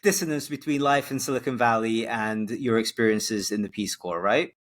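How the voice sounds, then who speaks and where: A man's voice: medium pitch, normal speed. A man from Costa Rica and Hungary hosting a podcast, asking thoughtful questions in a chatty way. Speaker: podcast host. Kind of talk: casual interview conversation.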